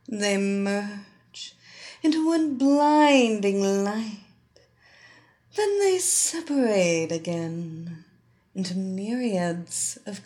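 A woman voicing a commanding blonde witch who hypnotizes with a soft, mesmerizing voice. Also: mid-range voice.

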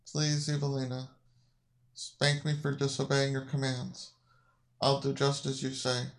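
A woman's voice: rumbling low, monotone, pitched below the performer's own voice. A woman voicing a meek, entranced male sidekick who stammers and mumbles in a faltering way. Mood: pleading. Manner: slow, faltering, stammering murmur. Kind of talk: audio story reading.

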